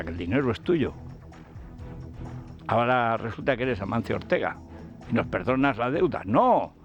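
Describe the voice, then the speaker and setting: Scornful male radio commentator. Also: medium pitch. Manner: scornful, combative, sarcastic. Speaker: radio host. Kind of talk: political opinion commentary. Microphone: radio studio mic.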